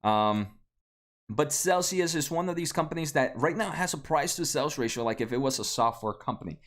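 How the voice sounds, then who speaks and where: A native Spanish-speaking man in his late twenties hosts a casual stock market livestream from a desk in a home room, answering viewers with lots of fillers and restarts. His voice is fairly high, animated and a bit bright, moving fairly quickly.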